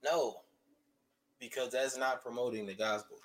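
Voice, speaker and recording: A man's voice: medium pitch, steady tone, moderate pace, low-quality recording. A man in a casual conversation, speaking earnestly and with emphasis about faith. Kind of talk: casual chat.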